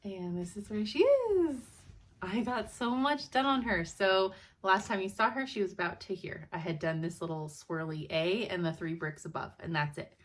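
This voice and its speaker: A woman's voice: mid-range voice, expressive, moderate pace. A young woman in casual, rambling chat as a cross-stitch vlogger at home, sounding sleepy and laughing often.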